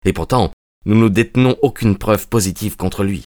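A man's voice: on the low side, moderate pace, a little mellow, dry recording, studio quality, voice pushed up, natural voice. A man voicing an earnest young male detective in an audiobook, in a determined, earnest manner. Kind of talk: audiobook character reading.

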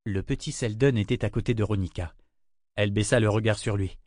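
Man calmly narrating an audiobook. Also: on the low side, dry recording, clean studio sound. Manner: even, measured reading. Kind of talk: scripted narration.

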